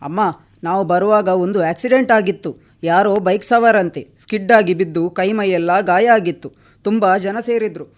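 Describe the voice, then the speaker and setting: A man's voice: sits high, normal speed, lightly acted. A man playing a young man who poses as a kidnapper and speaks earnestly and respectfully to the old mother in a radio drama. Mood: urgent.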